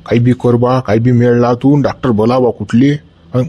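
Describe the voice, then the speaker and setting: A man's voice: mid-range voice, steady tone, normal speed, dark tone, muffled recording, close to an everyday voice. A man playing a worried, talkative village uncle in a comedy sketch, speaking. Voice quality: rustic, coaxing, talkative. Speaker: village elder visiting hospital.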